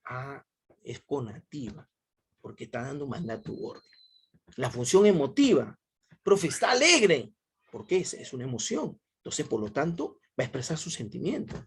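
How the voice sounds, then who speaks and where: Teaching a class over video call, a man lectures online, repeating himself frequently and putting questions to his students. He has a medium-pitched voice with big pitch swings, a moderate pace and a breathy edge.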